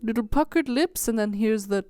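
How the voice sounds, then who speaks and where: Female comedy host, warm mellow tone, teasing and theatrical. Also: a little high, moderate pace, dry recording. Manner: playful, teasing, over-the-top reactions. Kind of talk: comic interview.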